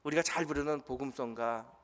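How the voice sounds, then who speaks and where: A middle-aged man preaching a sermon as senior pastor, telling a story emotionally, moving from hushed to loud. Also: mid-range voice, brisk. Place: church sanctuary. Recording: reverberant church hall.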